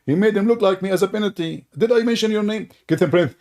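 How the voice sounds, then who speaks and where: A Middle Eastern live-stream host with an Arabic accent, a native Arabic speaker, teases and mocks sarcastically in his commentary. He talks fast, in a high and slightly mellow voice.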